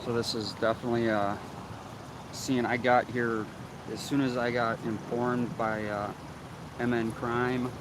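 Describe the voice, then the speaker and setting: Male street reporter, unscripted breaking news, halting speech, little pitch movement, heavy wind and vehicle noise outdoors. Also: little pitch movement. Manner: halting, repeats himself. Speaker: local news livestream reporter. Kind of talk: live on-scene breaking news update, unscripted. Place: outdoors on a street at an active scene.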